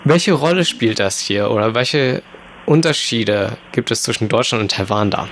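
A man's voice: fairly low pitch, lively intonation, moderate pace, slight background noise. A man hosting a radio magazine, interviewing a student by phone and asking friendly, conversational questions.

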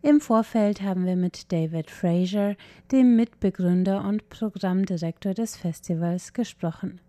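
A woman narrating a scripted radio culture feature in a clear, measured way. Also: mid-range voice, dark tone, no room sound, clean studio sound. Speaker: culture reporter.

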